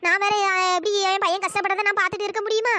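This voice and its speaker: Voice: extremely high pitch, fairly even intonation, very fast, bright, forceful tone. A performer voicing a worried older mother-in-law in a cartoon story, lamenting in a sighing way.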